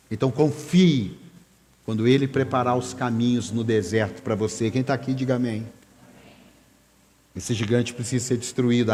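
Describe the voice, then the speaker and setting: Emphatic Brazilian pastor in echoing hall. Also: male voice, medium pitch, a little mellow. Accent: Brazilian Portuguese. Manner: emphatic, acts out quoted voices, asks the congregation questions. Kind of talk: sermon. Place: church hall. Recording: long hall reverb.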